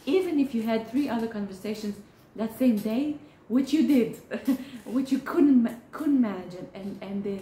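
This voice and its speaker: A therapist whose first language is Hebrew gives advice directly to camera in a mellow, slightly high voice. She's earnest and encouraging but halting, restarting often, and the recording has a roomy echo.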